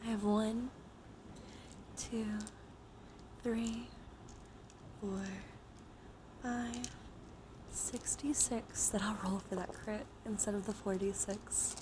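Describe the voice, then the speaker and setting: Soft-spoken and casually sweary, a woman hosts a relaxed ASMR-style game on a live stream, letting her phrase endings drift into half-whispers. She has a fairly high, steady voice, takes things slowly with long pauses, and there's background noise.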